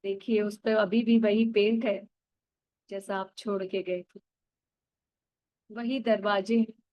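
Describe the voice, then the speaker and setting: A woman guiding an inner child healing meditation, speaking softly and gently straight to the listener. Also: medium pitch, flat delivery, no echo, highs cut off. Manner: soft, slow and gentle, addressing the listener directly. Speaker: meditation guide.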